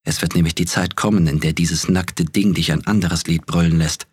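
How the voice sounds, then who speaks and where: A man's voice: sits low, fairly even intonation, normal speed, breathy edge, no room sound, clean studio sound. Man voicing Bagheera, a purring sly panther. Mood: persuasive. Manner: soft, purring, persuasive. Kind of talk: audiobook character voice.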